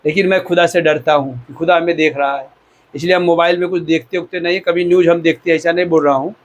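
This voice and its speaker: A man's voice: on the high side, steady tone, fast talker. A man from India preaching a sermon as pastor, exhorting the listeners and repeating key words for emphasis.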